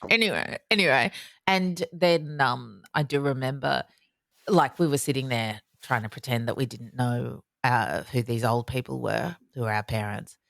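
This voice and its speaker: A woman's voice: very deep voice, normal speed, vocal fry, a bit bright, no echo, studio quality. An Australian woman co-hosting a casual comedy podcast, telling rambling, self-mocking stories. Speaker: podcast co-host.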